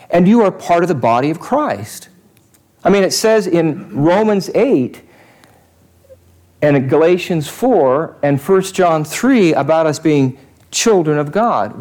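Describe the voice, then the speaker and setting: A male pastor with a fairly high, slightly mellow voice gives a conversational sermon in church. He repeats phrases for emphasis.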